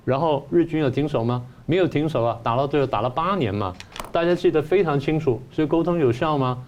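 A man's voice: a little high, fast, darkish tone. A man, a professor giving political commentary who argues his point through repeated rhetorical questions. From Taiwan.

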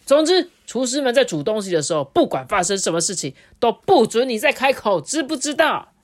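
A woman's voice: fairly high pitch, sing-song, brisk, pitched above the performer's own voice. A woman voicing an irritable head chef in a storybook, scolding the cooks and the pot. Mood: stern. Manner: scolding, blustering.

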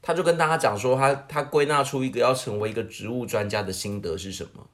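A podcast co-host, telling and judging jokes in casual chat and bursting into high laughter often. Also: fast. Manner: animated, swings pitch widely.

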